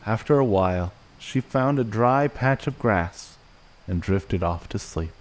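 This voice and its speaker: Gentle man reading a storybook. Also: on the low side, a little slow. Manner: gentle expressive read-aloud. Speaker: narrator.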